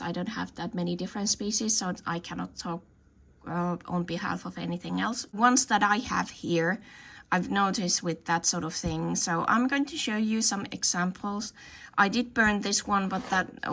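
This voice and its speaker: A woman talks through her indoor growing space in an easy show-and-tell way. She speaks slowly, with a gravelly edge to her voice. She thinks out loud and stops to correct her own words. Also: medium pitch. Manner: tentative, thinking aloud and correcting herself. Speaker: hobby plant grower showing her collection. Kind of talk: casual show-and-tell video tour.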